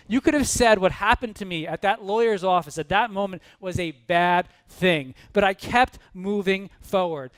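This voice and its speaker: Animated high-voiced male keynote speaker. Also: clear, resonant tone. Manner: animated, dramatic, acts out scenes. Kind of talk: storytelling motivational talk. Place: stage before an audience.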